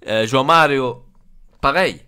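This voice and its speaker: A man's voice: mid-range voice, measured pace, bright, forceful tone, clean tone. A man voicing a blunt, crude male football club boss who scolds his players, in an Italian accent. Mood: scolding.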